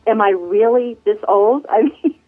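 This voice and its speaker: Heard over a tinny phone line, a US woman in her sixties chats as a guest in a relaxed interview, upbeat and laughing often. Her voice is a little high and her pace measured.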